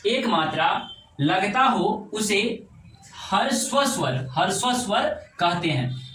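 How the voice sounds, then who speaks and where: High-voiced man teaching a grammar lesson. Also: a bit bright. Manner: repetitive, drawn-out explanations with rhetorical questions. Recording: roomy, distant, faint background noise.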